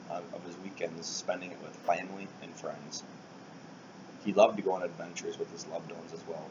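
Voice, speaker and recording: A man reads a prepared eulogy in a solemn manner, with his phrases trailing off softly. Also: low voice. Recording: dull lo-fi recording, loud air-conditioning hiss.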